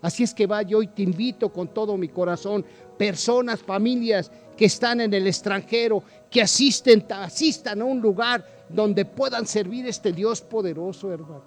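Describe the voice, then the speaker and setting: A man's voice: sits high, normal speed, soft background music. A man preaching a sermon, reading Bible passages aloud and putting direct questions to the listener. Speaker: pastor.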